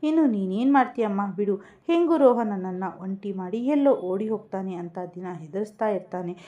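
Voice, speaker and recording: A woman voicing an older married woman who laments her unhappy marriage through sobs, in a slow, low delivery. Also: animated, dark tone, lightly acted. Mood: tearful lament. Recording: muffled lo-fi recording.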